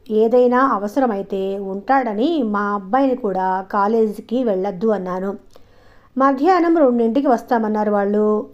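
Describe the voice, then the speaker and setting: Woman storyteller, first-person audio story, expressive conversational read, dull lo-fi audio. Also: medium pitch.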